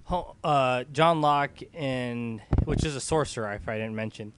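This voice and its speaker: A man's voice: medium pitch, a little slow, clear, resonant tone, dry recording. A tipsy man giving a casual, joking movie recap among friends, rambling, giggly and slangy, often losing his thread and backtracking. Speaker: amateur film reviewer, main storyteller.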